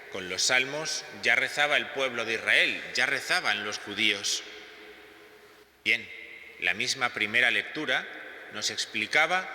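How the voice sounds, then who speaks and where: Male priest, solemn liturgical delivery, sharp forceful voice, long cathedral echo. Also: mid-range voice. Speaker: priest celebrating Mass. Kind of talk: solemn Gospel reading and homily. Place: large reverberant church. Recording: echoey church with long cathedral-like reverb.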